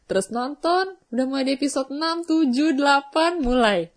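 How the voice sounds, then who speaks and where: A young woman, hosting a vlog and chatting casually with viewers, telling a story in a slangy, animated way. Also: high-pitched, moderate pace. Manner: chatty storytelling, slangy Jakarta-style, animated when excited. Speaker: vlog host.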